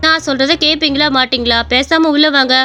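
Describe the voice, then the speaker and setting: A woman's voice: high voice, steady tone, quick pace, pushed and bright, faint music behind. A woman voicing a headstrong young daughter-in-law in a cartoon story, bossy and dismissive.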